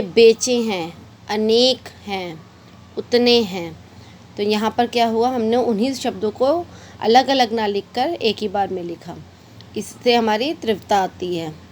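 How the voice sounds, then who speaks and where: A woman's voice: medium pitch, slight background noise. A young woman teaching a shorthand class, explaining step by step and dropping in English words. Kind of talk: classroom lesson.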